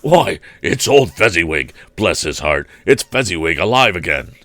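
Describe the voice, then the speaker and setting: A man voicing an old miser softened by fond memories, exclaiming sentimentally in a storybook reading. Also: low voice, sing-song, normal speed, no echo, clean studio sound, exaggerated voice. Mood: excited. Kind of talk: storybook character voice.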